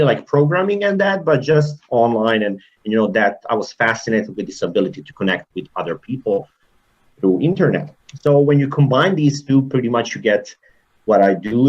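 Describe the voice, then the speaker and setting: A man's voice: lowish voice, muffled recording. A man in his thirties from Serbia, with a Serbian accent, telling his story as an interview guest in a reflective, rambling way over a video call. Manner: reflective, rambling, animated in places.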